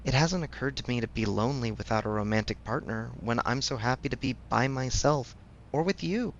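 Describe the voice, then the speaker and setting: A man plays a supportive best friend in a conversational audio roleplay, speaking frankly with gentle teasing in a creaky, mid-pitched voice that sounds close to everyday speech. He's animated and brisk, his mood candid and reflective. The recording is faintly noisy, with the highs cut off.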